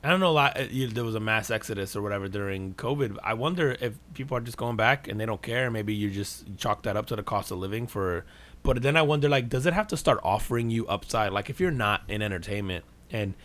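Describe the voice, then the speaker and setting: A man's voice: on the low side, fast, a bit bright. An American man hosting a podcast in casual, profane banter, talking like a frat bro with lots of slang. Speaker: podcast host.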